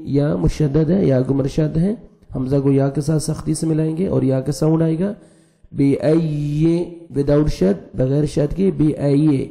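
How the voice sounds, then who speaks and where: A male Quran teacher, a little hoarse from a sore throat, giving an online tajweed lesson. His voice is fairly high-pitched yet very dark and mellow, with a gravelly edge. He chants verses slowly, then moves briskly into explanation. Faint music plays behind him.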